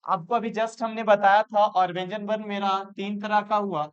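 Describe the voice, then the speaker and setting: A man's voice: high voice, level tone, normal speed, clear, resonant tone, dull audio. A male teacher giving a classroom grammar lesson, repeating points and asking and answering his own questions. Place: classroom with students.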